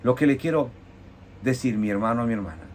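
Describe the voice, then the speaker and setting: An evangelical preacher shares a heartfelt personal testimony, his voice sinking low and soft before rising with emphasis. He moves fairly quickly with lively intonation, alternating between hushed storytelling and emphatic declarations. A faint hiss sits in the background.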